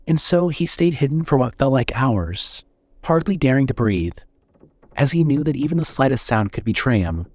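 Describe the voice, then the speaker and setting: A man narrating a horror story in a steady, suspenseful reading style. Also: mid-range voice, normal speed, dry recording.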